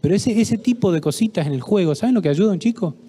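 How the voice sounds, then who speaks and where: A middle-aged Argentine psychologist giving a talk at a parish, telling stories, acting out the dialogue and asking the audience questions. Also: male voice, high-pitched, lively intonation, quick pace, mellow, slightly rough. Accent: Argentine Spanish. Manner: storytelling, acts out dialogue, asks audience questions. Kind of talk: conference talk with anecdotes. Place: parish hall.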